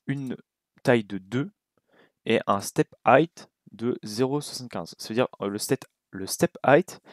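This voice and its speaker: A young man with a French accent giving a relaxed, casual coding tutorial at his computer, thinking aloud with many fillers and asides. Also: mid-range voice, dry recording, studio quality. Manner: relaxed, talks while clicking, many fillers and little asides. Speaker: game development tutor.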